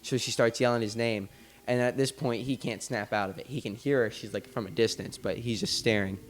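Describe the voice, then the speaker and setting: A man's voice: mid-range voice, fairly even intonation, a little fast. A man hosting a podcast, telling a story in a loose, casual way full of "like" and restarts. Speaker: podcast host.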